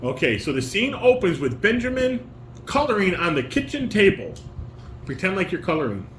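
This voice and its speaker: This father leads a relaxed family read-through at normal speed, his voice sitting high with a sing-song lilt and a slightly bright tone. He's a middle-aged man who speaks the stage directions aloud, then shows and fixes things one step at a time. Background noise and echo fill the roomy home recording.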